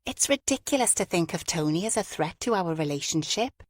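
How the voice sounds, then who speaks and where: A woman's voice: fairly low pitch, animated, fairly quick, no room sound. A woman narrator voicing a reserved woman who speaks in a guarded, defensive way.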